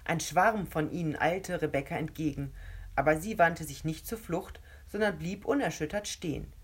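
A woman narrates a children's storybook in a calm, even reading voice. Her tone is low and slightly husky, and she paces the story steadily. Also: normal speed.

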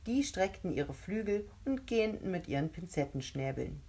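A woman narrates a children's storybook in a calm, even reading voice. Her tone is low and slightly husky, and she paces the story steadily. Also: normal speed.

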